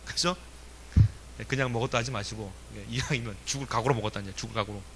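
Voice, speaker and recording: A man preaching a sermon in a lively, emphatic way, asking the congregation questions and chuckling now and then. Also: medium pitch, quick pace. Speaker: pastor.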